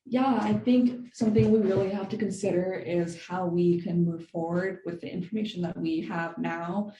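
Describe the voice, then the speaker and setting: A woman's voice: on the low side, fairly even intonation, normal speed, warm tone, dull audio. A young woman from Thailand answering podcast interview questions thoughtfully, with many fillers and hedges. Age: young adult. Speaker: guest. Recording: echoey room with faint noise.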